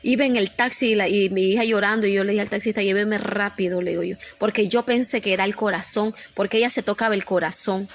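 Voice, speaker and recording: A woman's voice: medium pitch, steady tone, fast talker, hardly any pauses, slight background noise. A woman preacher telling an emotional personal testimony to her congregation, earnest and repetitive, often restarting her sentences.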